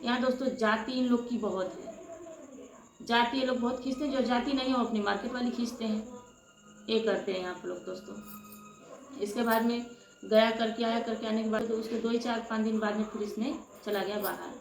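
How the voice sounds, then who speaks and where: A woman vlogger passionately tells her own story to viewers, often calling them friends, in an emotional personal account. Her voice is fairly high with fairly even intonation and a slightly fast pace. The room is echoey with loud ambient noise.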